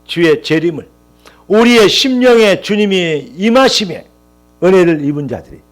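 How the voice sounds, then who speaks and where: A man's voice: high voice, expressive, normal speed. A male pastor preaching a sermon with impassioned, rising emphatic lists and calls of hallelujah.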